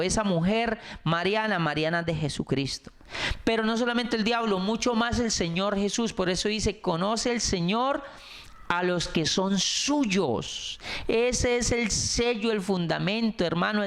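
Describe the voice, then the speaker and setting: A high-pitched middle-aged man preaching a sermon as pastor. He talks earnestly and repeats his key phrases, slowing down and speeding up for emphasis. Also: fairly bright tone. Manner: earnest, repetitive preaching with varied pace and emphasis.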